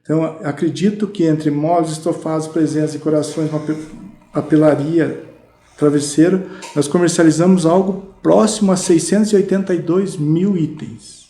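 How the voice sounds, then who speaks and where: A middle-aged Brazilian man with a Brazilian Portuguese accent, a podcast guest telling lively stories about his sales career, full of fillers. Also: fairly high pitch, normal speed. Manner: animated, lively anecdotes with many fillers. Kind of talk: casual storytelling interview. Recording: roomy podcast studio.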